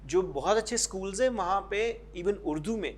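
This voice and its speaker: A man's voice: high-pitched, lively intonation. A man with a Pakistani accent, a guest English teacher answering interview questions and mixing English phrases into his talk. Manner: mixes English phrases into Urdu, explanatory.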